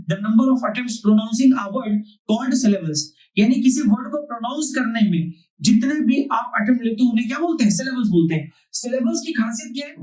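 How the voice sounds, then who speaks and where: A man's voice: extremely high pitch, dark tone. A man teaching a grammar class. He repeats key points and asks questions that he then answers himself. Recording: roomy, distant mic.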